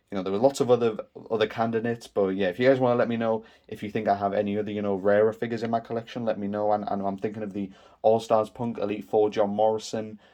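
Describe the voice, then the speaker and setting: A man's voice: on the low side, dark tone, lo-fi sound. A young man from the UK talking casually to camera as a collector vlogger, rambling with many fillers. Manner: rambling, heavy on fillers like "you know". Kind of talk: casual vlog talk.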